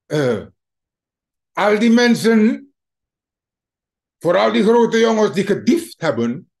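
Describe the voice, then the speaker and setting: A man with a Surinamese Dutch accent giving a mocking, emphatic political commentary to his viewers. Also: high voice. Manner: slow, mocking, emphatic, addresses viewers as dear friends. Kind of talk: opinion commentary monologue.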